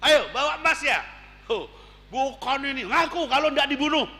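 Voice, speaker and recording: A man voicing a blustering male highway robber who threatens his victim, recorded in an echoey hall. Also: normal speed, bright, forceful tone, full character voice. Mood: threatening.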